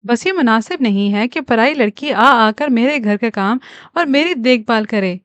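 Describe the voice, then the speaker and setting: A woman reading the part of a frail, drowsy old mother who speaks haltingly and weakly. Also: fairly high pitch, expressive, no echo, lightly acted. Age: older. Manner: halting, weak.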